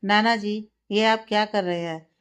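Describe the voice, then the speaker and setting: A woman's voice: medium pitch, steady tone, a little slow, clean tone, natural voice. A woman voicing a serious, short-tempered young male lawyer who speaks with firm, restrained irritation.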